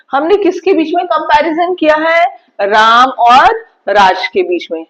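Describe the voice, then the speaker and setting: A woman with a high voice teaches grammar at an unhurried pace, putting questions to her class and answering them herself. The sound is slightly muffled and lo-fi. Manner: explains step by step, asks and answers her own questions. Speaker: English teacher.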